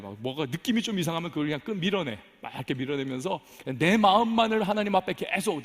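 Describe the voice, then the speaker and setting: A man preaching a sermon as pastor, telling a story with dramatic swings between raised and hushed delivery. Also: fairly high pitch, in a large hall. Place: church sanctuary.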